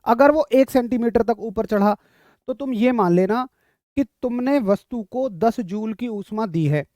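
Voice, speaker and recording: A man's voice: high-pitched, mellow, dry recording, studio quality. A man teaching physics in a classroom lecture, explaining through a story and asking students to confirm they follow.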